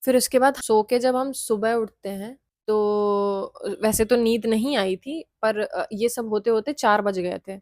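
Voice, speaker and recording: A woman's voice: on the high side, a little slow, few pauses, a little mellow, no room sound, clean studio sound. A young woman casually telling a hostel ghost story, chatty, slipping in English phrases and laughing often.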